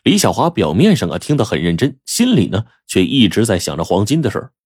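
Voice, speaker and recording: A man narrating a crime story in a lively, dramatic storytelling manner. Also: lowish voice, brisk, breathy edge, no room sound, studio quality.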